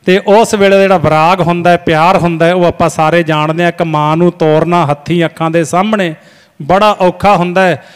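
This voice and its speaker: A man's voice: on the high side, steady tone, a little fast, smooth. A man preaching an earnest devotional sermon and singing a refrain. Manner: earnest, exhortative. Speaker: Sikh preacher. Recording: long hall reverb, faint music.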